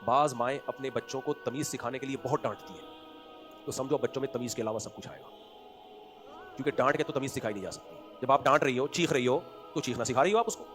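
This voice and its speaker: A man with a Pakistani Urdu accent giving an Islamic sermon, swinging between loud emphatic points and quiet asides, asking rhetorical questions and answering them himself. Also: mid-range voice, fast, faint music behind. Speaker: religious scholar giving a lecture.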